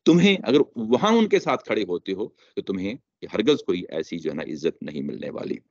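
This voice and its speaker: A man's voice: fairly low pitch, big pitch swings, a little fast, dry recording. A man explaining scripture in a religious lecture, reciting verses and repeating key phrases for emphasis. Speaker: Quran teacher. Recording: dull dry lo-fi lecture recording.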